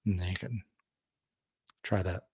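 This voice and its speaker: A man's voice: deep voice, steady tone, unhurried, warm tone, breathy edge. A man hosting a casual podcast, asking questions and offering friendly advice. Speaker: podcast host.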